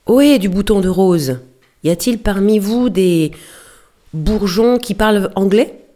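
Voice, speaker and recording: A woman voicing a brash, joking male whaling mate who mocks and hails loudly across the water. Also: low voice, measured pace. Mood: hailing.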